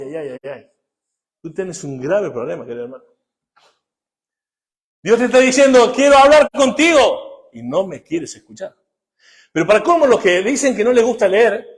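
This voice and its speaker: A male pastor preaches in a notably high voice. He moves from quiet, low asides to loud, pressing emphasis and keeps asking the congregation questions. He sounds middle-aged. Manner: swings between hushed asides and loud emphatic bursts; asks the congregation rhetorical questions. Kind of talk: sermon.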